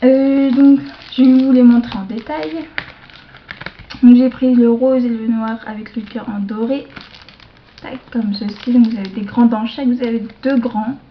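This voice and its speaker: A woman showing off a shopping haul to her viewers in a casual show-and-tell, hesitant, with many fillers and self-corrections, slipping into soft asides. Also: fairly high pitch, fairly even intonation, slight background noise. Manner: slow, chatty, drops into soft asides. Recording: dull lo-fi home video sound.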